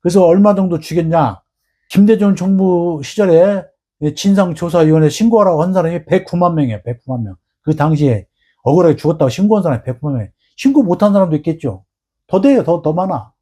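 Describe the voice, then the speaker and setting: Man, political history commentator, husky voice, mellow tone, emphatic, rhetorical questions. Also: on the high side, lively intonation, quick pace. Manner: emphatic, rhetorical questions, acts out quoted exchanges. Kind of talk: solo lecture-style commentary.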